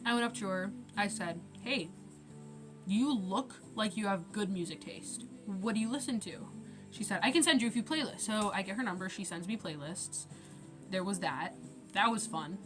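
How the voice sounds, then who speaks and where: A woman's voice: medium pitch, normal speed, music in the background. A teenage girl rambling through a casual storytime rant, acting out conversations as she goes. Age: teens. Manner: rambling, quotes conversations with shifting loudness. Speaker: vlogger.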